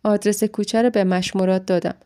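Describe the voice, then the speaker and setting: A woman reading a first-person story aloud in a steady, emotional storytelling manner. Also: mid-range voice, clear, resonant tone. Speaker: audiobook narrator.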